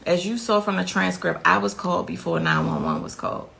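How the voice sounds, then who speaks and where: A woman's voice: lowish voice, wildly swooping pitch, brisk, vocal fry, a bit bright, a little hiss or hum. A middle-aged woman speaking as the mother of the victim, giving intense interview testimony and repeating key phrases for emphasis.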